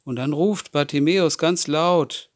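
A man's voice: on the high side, measured pace, no room sound, clean studio sound. A man telling a Bible story to children, often stopping to ask them questions. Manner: asks the listening children questions.

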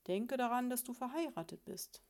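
A woman reading a storybook, voicing a prim, self-assured female sparrow who lectures her husband in a patronizing, gently scolding way. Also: a little high, animated, moderate pace, voice pushed up. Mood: lecturing.

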